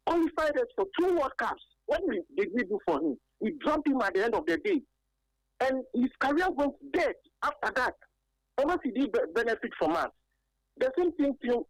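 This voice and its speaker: A Ghanaian woman speaks over a clipped, narrow phone line as a call-in listener, her pitch rising and falling in lively swings. She argues earnestly and with emphasis, pausing on "um" now and then. The line sounds dry and close, with no room around her. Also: no room sound. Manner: earnest and emphatic, with many hesitations. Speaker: radio call-in caller. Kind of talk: call-in opinion on a sports show. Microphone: telephone.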